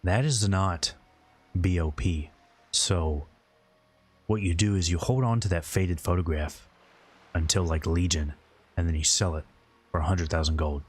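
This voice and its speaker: A man with a deep, slightly rough voice hosts a game livestream, talking informally and ramblingly as he answers his viewers' chat. He's unhurried, leaving long pauses in his casual commentary.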